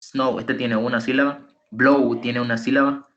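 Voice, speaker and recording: A man's voice: medium pitch, level tone, normal speed, a bit bright, lo-fi sound. A man tutoring English over an online call, explaining spelling rules patiently, step by step. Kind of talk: online teaching.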